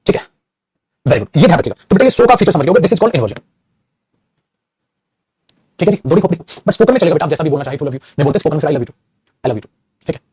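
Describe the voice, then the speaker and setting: A man's voice: a little high, very animated, fast, long pauses, darkish tone, slightly rough, dry recording. A male teacher giving a repetitive classroom-style grammar lesson, often calling his students "beta" and praising them. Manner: repetitive, addresses students as "beta", frequent "very good". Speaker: English teacher.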